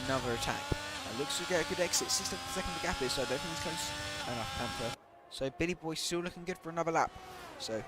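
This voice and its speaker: A man's voice: mid-range voice, noisy background. Hesitant man commentating a sim race. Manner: hesitant, many fillers. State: losing his voice.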